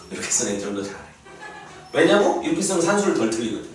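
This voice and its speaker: A man's voice: on the high side, quick pace. A man teaching a math lesson to a class, often checking that students follow. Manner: lively, asks students frequent check-in questions. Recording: echoey classroom from far off, faint noise.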